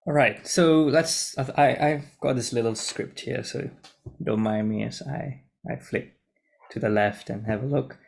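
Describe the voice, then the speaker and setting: Slow, gravelly-voiced young man. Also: medium pitch. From Singapore. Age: 20s. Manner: hesitant, many restarts and fillers. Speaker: vlogger, junior doctor. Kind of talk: casual talk to camera from a script. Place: his own room. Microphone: laptop mic on a video call.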